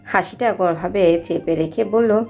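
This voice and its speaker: A young woman narrating a romantic audio story in a steady, unhurried way. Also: on the low side, soft background music.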